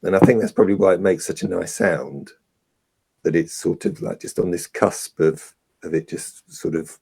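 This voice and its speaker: A man's voice: deep voice, moderate pace, vocal fry, mellow, breathy edge. A man chatting casually as a guest, in a hesitant, understated way that tends to trail off. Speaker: guest on an online show. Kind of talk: casual chat.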